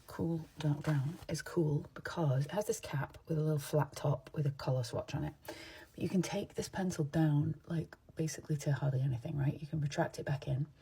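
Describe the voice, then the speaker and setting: A woman from England with a partly Americanized English accent, chatting and rambling into her phone at home while doing her makeup, sometimes dropping into soft asides. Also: sits low, brisk, gravelly, breathy edge. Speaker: makeup vlogger. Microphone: phone camera.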